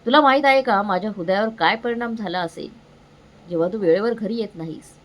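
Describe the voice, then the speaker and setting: A woman's voice: medium pitch, a little fast, lightly acted. A tearful mother scolds her son for coming home late, her voice anguished and reproachful. The narrator, a woman, voices her. It is storybook reading rather than full acting. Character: tearful worried mother, middle-aged woman.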